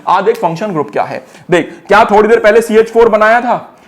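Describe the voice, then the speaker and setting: A man's voice: sits high, a little fast. A young man teaching a class-ten chemistry lesson, teasing and quizzing the student like an older brother. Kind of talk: lively board-exam chemistry lesson.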